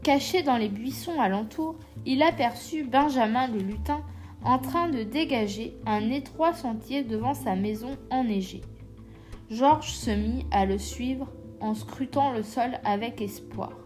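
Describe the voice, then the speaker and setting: A woman reading a children's story aloud in a gentle, measured way. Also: fairly high pitch. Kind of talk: scripted narration of a children's story. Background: soft instrumental music.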